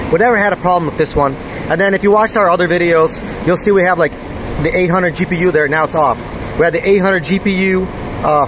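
With a voice that sits high, a man operating a mining farm records himself on a handheld phone, one hand free to handle hardware. He walks the large indoor server room explaining machine problems and thinking aloud in a casual way, while fans and air conditioning hum loudly.

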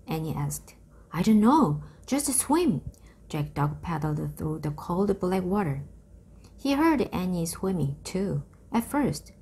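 A woman reading a children's book aloud, slowly and carefully for learners. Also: medium pitch, a little mellow, slightly rough. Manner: slow, careful storytelling for learners. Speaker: reader.

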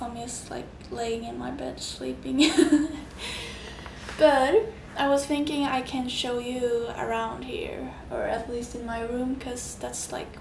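A woman's voice: sits high, creaky, far from the mic. A young woman from Sweden, an au pair, chatting casually and giggling in a vlog. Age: young adult. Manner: giggly, relaxed. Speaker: au pair vlogger. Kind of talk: casual chat. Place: apartment room and kitchen. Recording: echoey room with background noise.

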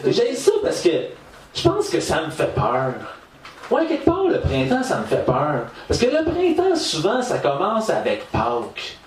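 A man's voice: high-pitched, huge pitch swings, unhurried, far from the mic, a little hiss or hum. A man with a Québécois accent doing a rambling, self-mocking stand-up routine on a small café stage, stammering and laughing at his own jokes. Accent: Québécois French. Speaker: stand-up comedian. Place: small café stage before a live audience. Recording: roomy live café recording from off-mic.

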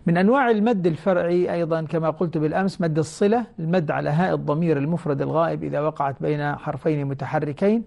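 A man teaching Quran recitation rules on a television program, explaining each rule and then chanting short example verses slowly, calling the listeners his brothers. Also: on the high side, creaky, darkish tone. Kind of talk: televised tajweed lesson. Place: TV studio.

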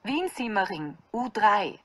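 A woman announcing the next stops in a train announcement, formal and crisp. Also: medium pitch, big pitch swings, slow pace.

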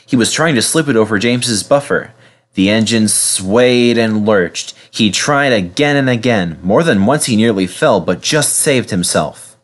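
A man narrating a children's storybook aloud in a lively, expressive way. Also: fairly low pitch, unhurried. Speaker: reader.

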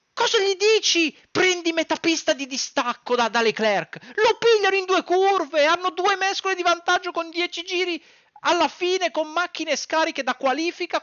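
Filming in a small dim room at home, a sports content creator rants to camera in a very high, sharp voice, exasperated and foul-mouthed, repeating phrases to drive his points home. The audio has no room sound and its highs are cut off.

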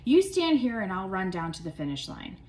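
A woman's voice: medium pitch, sing-song, brisk, a little mellow, slight background noise, natural voice. A woman doing an eager boy announcer. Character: excitable fourth-grade boy, sports-announcer wannabe.

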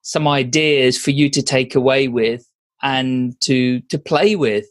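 A man co-hosting a podcast, chatting in a relaxed, agreeable manner. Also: medium pitch, takes it slowly. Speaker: podcast co-host. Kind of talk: casual podcast chat.

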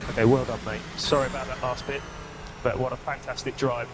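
Race engineer over team radio, calm clipped man, heavy car noise behind. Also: mid-range voice, a little fast.

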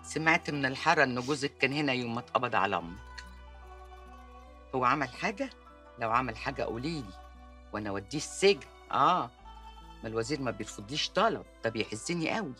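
Casting note: a blunt, protective Egyptian aunt, sharp bright voice, light music underneath. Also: female voice, a bass voice, lively intonation, quick pace, pauses often, full character voice. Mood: commanding. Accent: Egyptian Arabic. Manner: commanding, interrogating, blunt. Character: bossy, protective neighborhood aunt. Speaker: aunt questioning her niece.

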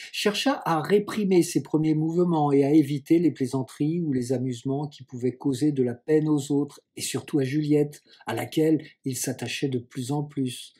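A man reading a classic children's novel aloud in a measured, expressive way. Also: on the high side, slightly rough. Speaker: audiobook reader.

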